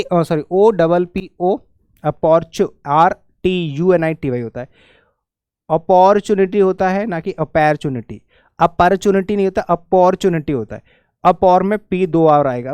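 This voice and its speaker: A man teaching an exam spelling lesson, spelling out words letter by letter and repeating them slowly. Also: sits high, darkish tone, smooth, dry recording, studio quality. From India. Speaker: English teacher.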